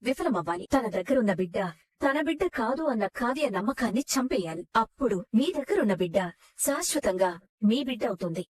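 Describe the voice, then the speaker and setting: A woman's voice: fairly high pitch, animated, quick pace, husky, no echo, clean studio sound. A woman playing a calculating schemer who speaks in cool, menacing tones in a TV serial. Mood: scheming. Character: scheming woman plotting with a minister. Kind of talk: Telugu TV serial acting.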